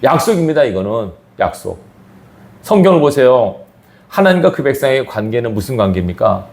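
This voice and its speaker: Preaching as pastor in a church sanctuary, this man has a medium-pitched, darkish, creaky voice and a brisk, very animated manner. His emphasis climbs and falls sharply, with the echoey hall audible in the recording.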